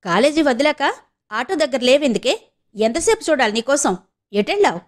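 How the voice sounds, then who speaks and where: A woman's voice: on the high side, animated, moderate pace, natural voice. A woman doing an angry young college guy. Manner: angry, scolding. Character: hot-tempered young male college student.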